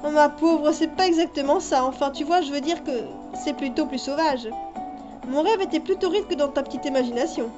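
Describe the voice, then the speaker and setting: Brief: woman playing a teasing, excitable teen sister, high-pitched, lo-fi with music. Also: fairly quick, close to an everyday voice. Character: cheeky teenage sister, boy-crazy. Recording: dull lo-fi with music behind.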